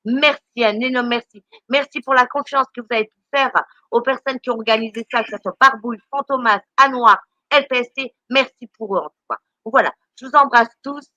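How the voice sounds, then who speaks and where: Woman, high and bright, indignant live-stream rant, stammers and repeats herself. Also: a little fast, no echo, lo-fi sound. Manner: indignant, scolding. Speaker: charity volunteer speaking on a live stream.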